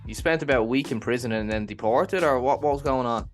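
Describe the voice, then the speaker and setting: A man's voice: mid-range voice, fast, soft background music. A man hosting an interview show, chatting in a friendly, upbeat way. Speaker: podcast host and interviewer. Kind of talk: casual interview.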